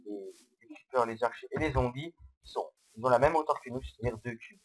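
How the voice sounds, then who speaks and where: A man giving casual, hesitant gameplay commentary, explaining step by step on a low-quality microphone. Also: fairly quick, noisy background. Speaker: Minecraft let's-player.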